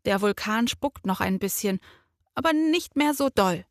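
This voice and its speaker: A woman narrating a children's story slowly, clearly and expressively. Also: medium pitch, animated, no echo, studio quality.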